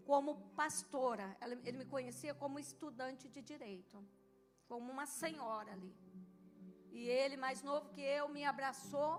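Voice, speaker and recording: A middle-aged woman pastor, giving an emotional sermon testimony that swells into loud, emphatic peaks. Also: high-pitched. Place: church service. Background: music.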